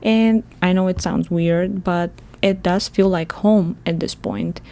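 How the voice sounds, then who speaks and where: Podcast host: Bulgarian woman, 30s, chatty and laughing, lowish warm tone. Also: fairly even intonation, unhurried. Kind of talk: solo podcast monologue.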